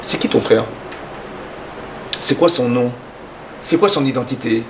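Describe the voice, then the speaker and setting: A man giving a lively sermon as a rabbi, acting out little dialogues in his talk. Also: unhurried, background noise. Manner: animated, acts out dialogues with rising pitch.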